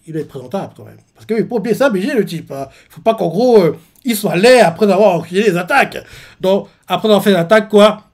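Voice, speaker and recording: A man's voice: high-pitched, darkish tone. Rambling man recapping a comic. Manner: rambling, with constant filler tags and restarts. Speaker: manga reaction host. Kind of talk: casual recap of a manga chapter.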